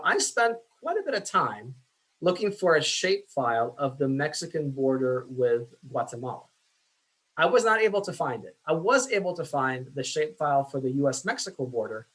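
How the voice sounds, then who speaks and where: A man teaching statistics in a casual, self-deprecating way, with many fillers, his voice going hoarse. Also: mid-range voice, a bit bright, poor audio. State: losing his voice. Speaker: statistics instructor. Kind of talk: screen-share lecture.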